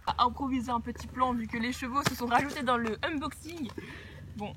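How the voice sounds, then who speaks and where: A woman's voice: fairly high pitch, brisk. A young woman chatting casually and enthusiastically while unboxing outdoors near horses, with plenty of fillers. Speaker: equestrian vlogger. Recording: noisy outdoor ambience.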